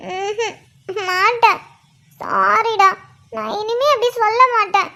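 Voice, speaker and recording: Brief: a tipsy, clingy cartoon wife, very high squeaky voice, whiny and teasing. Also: fairly even intonation, measured pace, vocal fry, pushed and bright, heavily acted. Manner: pleading, childish, teasing.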